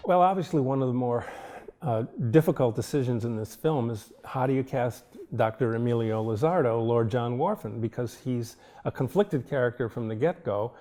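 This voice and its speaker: An older man with a mellow, warm voice recalls his work as a film director in an interview. His delivery is thoughtful and anecdotal, and light chuckles come through. He speaks in an easy, middle-pitched voice. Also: moderate pace, soft background music. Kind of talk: reflective interview storytelling.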